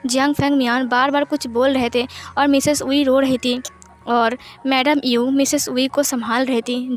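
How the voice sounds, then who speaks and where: High-voiced woman narrating a fan story. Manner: plain, even retelling with small slips.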